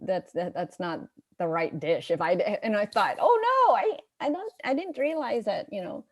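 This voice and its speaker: A middle-aged woman from the United States talks casually as a guest. She rambles, stops and restarts often, in a voice of middling pitch. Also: lively intonation, normal speed. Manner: chatty, rambling with many restarts and fillers. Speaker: guest on a comedy variety show. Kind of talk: casual chat.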